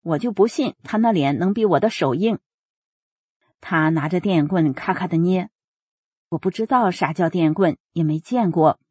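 A woman reading a first-person account aloud in an earnest, steady storytelling manner, voicing the quoted dialogue plainly. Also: fairly low pitch, normal speed, breathy edge, no room sound.

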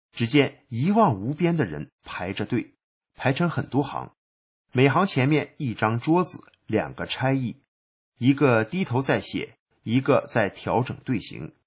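A man's voice: medium pitch, husky. A man narrating a first-person story in a plain recounting manner.

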